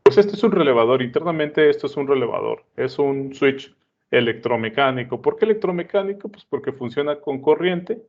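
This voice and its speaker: A man teaches in a loose, conversational way, regularly checking that his listeners follow. His voice sits at a middle pitch. The recording is dull and lo-fi. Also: lively intonation, a little fast, darkish tone. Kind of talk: explaining at a whiteboard. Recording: dull lo-fi sound.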